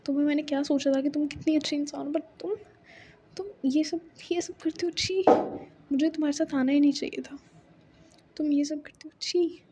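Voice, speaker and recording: A woman's voice: sits high, fairly even intonation, brisk, background noise, natural voice. A woman voicing a furious, hurt young woman who scolds her lover, mixing Hindi and English. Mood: angry disgust. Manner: accusing, tearful scolding.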